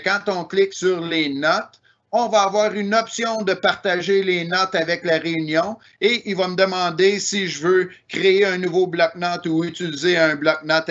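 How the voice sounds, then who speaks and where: A presenter with a Québécois French accent, his voice a little high for a man, walks through software features in an online technical presentation. He explains steadily and often pauses on "euh" and "ben." The audio is muffled and lo-fi, like a video call.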